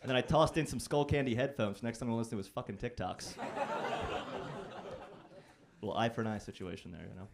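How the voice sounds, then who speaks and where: A man's voice: medium pitch, very animated, moderate pace, vocal fry, long pauses, noisy background. Wry man doing stand-up. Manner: conversational, self-deprecating storytelling with a wry edge. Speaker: stand-up comedian. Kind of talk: stand-up comedy set. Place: comedy club stage.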